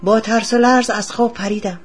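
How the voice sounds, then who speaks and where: A woman voicing a gruff, bitter poor father. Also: a little high, fairly even intonation, soft background music, natural voice. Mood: uneasy. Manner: gruff, scolding, superstitious. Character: poor bitter middle-aged father digging for treasure. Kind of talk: storybook reading.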